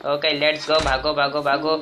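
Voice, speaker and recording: A man giving casual, jokey gameplay commentary as a gaming YouTuber, talking excitedly to his viewers. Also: on the high side, a little slow, slight background noise. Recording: game music clearly behind voice.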